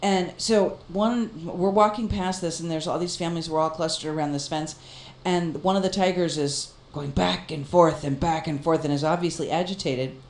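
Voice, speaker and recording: A woman's voice: on the low side, moderate pace, few pauses. Echoey-sounding woman telling a story. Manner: animated storyteller, laughs often. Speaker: podcast co-host. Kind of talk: casual chat, storytelling.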